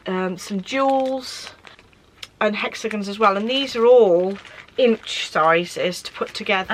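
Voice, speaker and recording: Woman, thirties, host of a craft show; casual, chatty, bright tone, lots of little fillers. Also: mid-range voice, slight background noise, low-quality recording. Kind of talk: casual chat.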